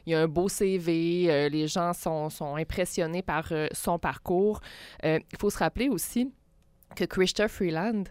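Lowish-voiced woman commentator. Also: a little mellow, clean tone, no room sound. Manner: measured, explanatory, frequent hesitations. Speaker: political commentator. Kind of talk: radio political discussion.

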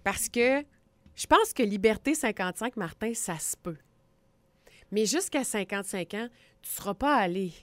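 A woman's voice: medium pitch, animated, moderate pace, dry recording. A woman in her forties with a Québécois French accent, a chatty co-host on a casual talk show. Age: 40s. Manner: chatty, laughs easily.

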